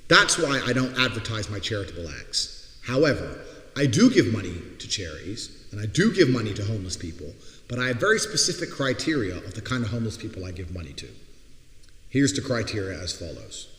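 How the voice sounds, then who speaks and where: A man's voice: lowish voice, sing-song, brisk, a bit bright. A man delivering a blunt, profane opinion monologue, mocking people and swearing freely. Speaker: commentator. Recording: roomy hall with long reverb.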